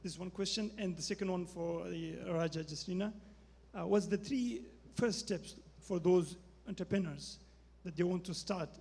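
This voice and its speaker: A man asking a halting question from the floor at a panel, with many pauses. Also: high voice, darkish tone, slightly rough. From Afghanistan. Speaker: audience member asking a question. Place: conference hall. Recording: long reverb in a conference hall.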